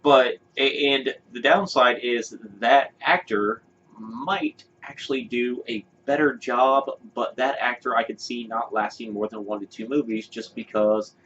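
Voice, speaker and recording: A man's voice: mid-range voice, steady tone, measured pace, a bit bright. A man co-hosting a podcast, chatting casually and opinionatedly, rambling with fillers and restarts. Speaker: podcast co-host. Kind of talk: casual chat. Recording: dull lo-fi sound with faint hiss.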